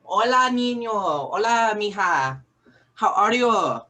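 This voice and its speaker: Woman playing a clingy, tearful mother, loud and bright; comic improv. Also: very high voice, steady tone, unhurried, exaggerated voice. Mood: low, doting. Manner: weepy, gushing, shouting. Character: overdramatic doting mother, middle-aged. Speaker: improv player.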